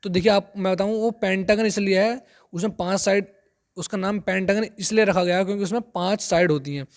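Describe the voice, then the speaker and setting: A man teaching a chemistry lesson, explaining step by step, repeating key terms and reading English textbook lines slowly. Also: sits high. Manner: addresses viewers as friends. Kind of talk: classroom lecture.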